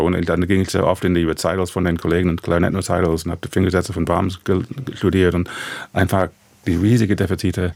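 A man with an American accent and English as his first language talks through his path as a composer in German. His voice sits very low with a gravelly fry. The sound is close and dry, and his speech is halting and full of fillers. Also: darkish tone, dry recording. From USA. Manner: halting, many fillers and restarts in imperfect German. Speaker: composer guest. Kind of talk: reflective radio interview answers.

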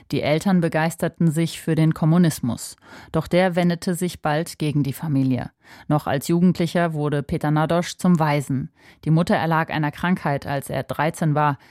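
Female radio reporter, very low pitch, scripted obituary narration, dry close sound. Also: a little mellow, no echo.

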